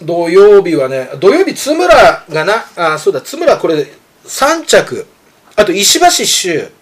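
Rambling, high-voiced man in his 50s. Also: wildly swooping pitch, takes it slowly. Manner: rambling, joking, coarse banter. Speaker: horse racing pundit. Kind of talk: casual podcast chat.

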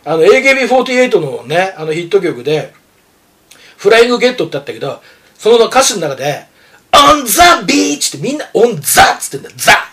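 An older man chatting casually on a radio talk show about horse racing, gruff and teasing, lecturing his co-host with animated tangents. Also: sits high, fast.

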